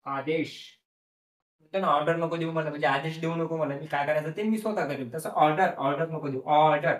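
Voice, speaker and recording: A man's voice: fairly high pitch, a little fast. A male teacher explaining a lesson, repeating each word several times and asking the class questions that he then answers himself. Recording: echoey room, voice from a distance.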